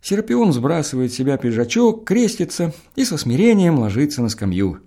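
A man narrating a story in a measured, expressive reading. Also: on the high side.

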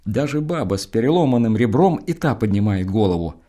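Man reading a story, lively intonation. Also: lowish voice. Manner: expressive, measured. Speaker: narrator.

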